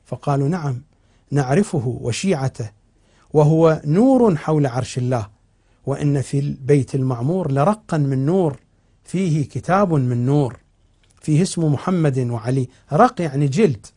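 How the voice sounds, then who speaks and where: A man speaking as a cleric in a TV religious lecture, reciting old narrations and then explaining them slowly and with emphasis. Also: on the high side, expressive, warm tone, husky. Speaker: cleric teaching on TV. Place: television studio.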